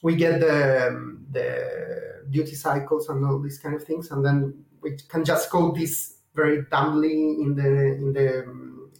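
A man with a Chilean Spanish accent, a guest engineer explaining a project haltingly, with many fillers and restarts. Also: medium pitch, steady tone, vocal fry, a little mellow, roomy sound, low-quality recording. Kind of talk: technical interview.

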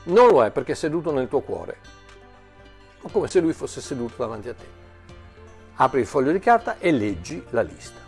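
Male preacher, animated sermon, repeats and restarts words, joking asides, faint music behind. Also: medium pitch, moderate pace, pauses often.

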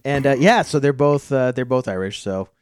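An American man hosting a casual movie-review podcast, chatty and quick to laugh, often restarting his sentences. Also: mid-range voice, lively intonation, a little mellow. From United States. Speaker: podcast host.

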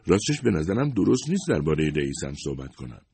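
A man's voice: a bass voice, sing-song, vocal fry, a little mellow, slightly rough, no room sound, heavily acted. A man voicing a humble, worried secretary in her fifties who talks hesitantly and apologetically. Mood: apologetic. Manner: hesitant, modest, self-excusing.

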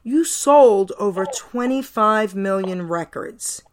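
A woman's voice: medium pitch, lively intonation, slow pace. A woman hosting a radio show, interviewing her guest in an effusive, gushing way. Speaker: radio host.

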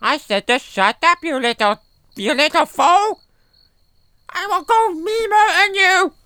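Short-fused nagging aunt, woman doing the voice, snapping and scolding, middle pitch, homemade comedy audio drama. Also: animated, a little slow, dry recording. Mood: shouting. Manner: scolding, nagging, snaps and shouts insults. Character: bossy meddling middle-aged aunt, short-tempered.

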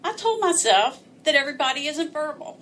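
A woman's voice: high voice, big pitch swings, a little fast, a bit bright, a little hiss or hum. A woman telling a personal story aloud in a wry, self-mocking way, often laughing as she speaks.

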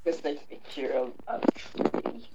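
A man's voice: a little slow, dull audio. A man answering quiz questions in a casual home video with short, offhand replies. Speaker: quiz contestant. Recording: loud noise behind the voice.

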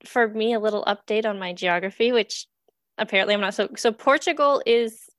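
A young woman hosting a faith podcast, speaking in a friendly, quick and chatty way. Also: mid-range voice, a bit bright, no room sound, studio quality. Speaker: podcast host. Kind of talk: casual faith podcast interview.

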